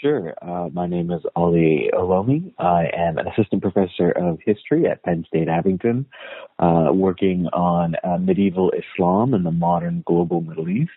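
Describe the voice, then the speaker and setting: A man's voice: sits low, normal speed, no room sound. A man from the United States, a guest historian, talking in a casual interview with a thoughtful, storytelling manner and many restarts. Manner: thoughtful storyteller, frequent "uh" and repeated words. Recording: tinny phone-like line, dry.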